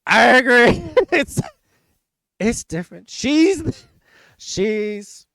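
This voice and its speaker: A man's voice: very high-pitched, very animated, very slow, vocal fry, sharp tone, no echo. A man hosting a reaction video, rambling casually and laughing often between his words. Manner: mock-grand oratory voice.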